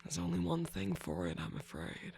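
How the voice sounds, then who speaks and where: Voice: mid-range voice, very animated, normal speed, creaky, darkish tone, slight background noise. A performer voicing a teasing, manipulative male cookie trickster in a whispered ASMR roleplay, with a mocking, prodding manner.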